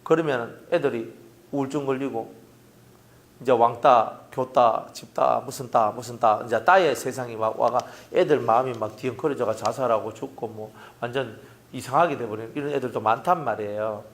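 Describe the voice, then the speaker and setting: A middle-aged pastor with a Gyeongsang Korean accent preaches a sermon in a folksy, joking manner, frequently putting questions to the congregation. His voice is mid-range and his pace moderate.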